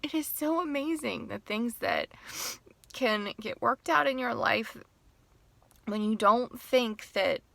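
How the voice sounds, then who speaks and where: Gravelly, bright-voiced woman vlogging from a car. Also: on the high side, lively intonation, takes it slowly, no echo. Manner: emotional, tearful at times, rambling. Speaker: author and teacher. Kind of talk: casual personal vlog. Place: parked car.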